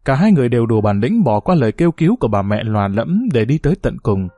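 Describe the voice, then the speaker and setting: Expressive male audiobook narrator. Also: medium pitch, fast talker, no room sound. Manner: expressive storytelling.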